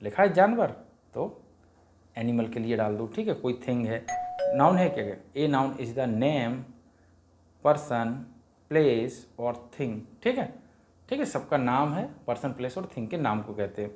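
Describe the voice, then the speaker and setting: A man walks through a grammar worksheet, chanting vowel sounds in a sing-song drill. He keeps posing questions and answering them himself, in a middle-pitched voice. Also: sing-song, unhurried, darkish tone, a little hiss or hum. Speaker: teacher explaining a worksheet. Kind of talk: Hindi grammar lesson for parents.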